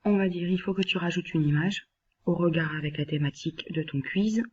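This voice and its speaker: Husky-voiced woman giving a software tutorial. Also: lowish voice, a little fast, dull audio. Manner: patient, step-by-step, addressing the listener directly. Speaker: instructor. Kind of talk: screen-recorded software tutorial.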